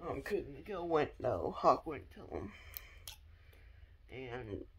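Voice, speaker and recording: A man's voice: medium pitch, big pitch swings, slow, creaky, very noisy. A young man rambling through a fan theory in a casual, hesitant way, full of ums and restarts.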